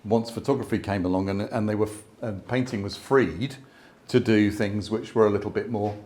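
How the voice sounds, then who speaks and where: A man's voice: lowish voice, moderate pace, a little mellow. A man in his sixties, a landscape photographer, talking thoughtfully at an exhibition, with frequent restarts and asides. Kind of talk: conversational exhibition talk. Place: exhibition space before an audience.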